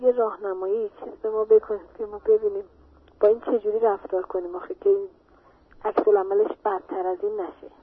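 A woman's voice: medium pitch, flat delivery, slightly rough, no echo. A worried woman calling in to ask for advice about her teenager. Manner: worried, uncertain. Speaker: caller. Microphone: phone. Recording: tinny phone line.

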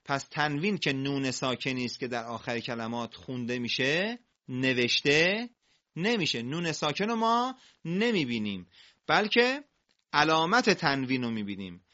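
Lively bright-voiced male reading teacher. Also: mid-range voice. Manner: explains briskly, drawls example words slowly for repetition. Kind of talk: recitation lesson. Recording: muffled lo-fi audio.

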